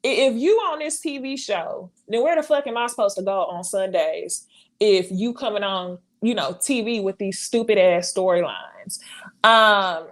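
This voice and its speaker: A woman's voice: medium pitch, normal speed. A young adult woman hosting a casual reality TV recap, ranting bluntly with lots of profanity and fillers. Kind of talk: casual live-stream commentary.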